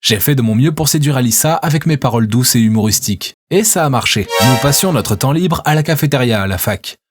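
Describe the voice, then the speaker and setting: A man narrating a scripted first-person story in a steady, earnest manner. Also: medium pitch, brisk, faint music behind.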